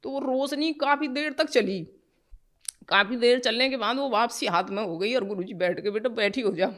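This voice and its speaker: A woman's voice: fairly high pitch, moderate pace, fairly bright tone. Earnest middle-aged woman telling her story. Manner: earnest, emotional, rambling with restarts. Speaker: devotee giving a testimony. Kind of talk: personal testimony storytelling.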